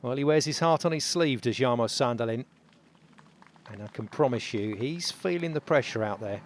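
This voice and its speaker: A man commentating on tournament golf, building drama in short, measured phrases. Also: mid-range voice, a little hiss or hum.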